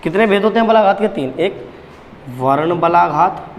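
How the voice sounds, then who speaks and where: A man's voice: high-pitched, expressive, normal speed, big-room sound, slight background noise. A man teaching Hindi grammar at a board, repeating key points and quizzing the class with questions. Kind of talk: blackboard lesson.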